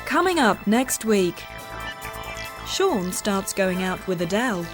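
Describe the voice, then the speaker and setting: A woman narrating a documentary series in an even, informative, scripted way. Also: mid-range voice, slow pace. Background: music.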